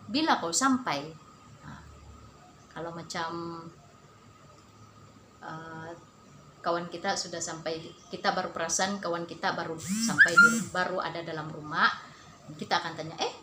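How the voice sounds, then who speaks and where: Slow, echoey woman teacher. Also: on the low side, lively intonation, heavy background noise. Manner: repeats each word slowly, with a rising stress on the local terms. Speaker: language teacher. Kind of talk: slow spoken lesson. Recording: echoey room.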